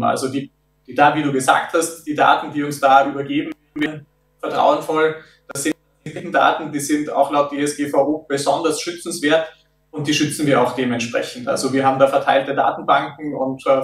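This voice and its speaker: A man in his thirties speaks in a slightly raised voice over a video call from an office meeting room. He explains step by step and keeps pausing on filler sounds. The sound is roomy and comes from some distance. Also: a little high, little pitch movement. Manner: measured, with frequent filler sounds. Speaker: product developer. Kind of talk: explaining in an interview.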